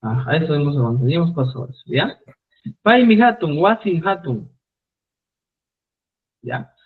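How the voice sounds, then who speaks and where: A man teaching a live online Quechua class, repeating phrases slowly for students. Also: on the high side, very animated, husky. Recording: phone-like narrow sound.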